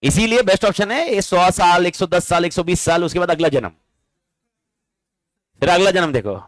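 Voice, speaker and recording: Lively bantering male teacher. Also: high-pitched, normal speed, no room sound, low-quality recording. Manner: bantering, asks the class questions. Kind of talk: classroom lecture.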